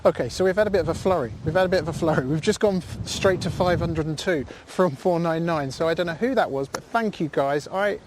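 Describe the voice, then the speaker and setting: A man's voice: on the high side, brisk, hardly any pauses, darkish tone, a little hiss or hum. A man hosting a casual live stream from a field, chatty and thankful, rambling with fillers. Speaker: livestream host. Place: outdoors in a field.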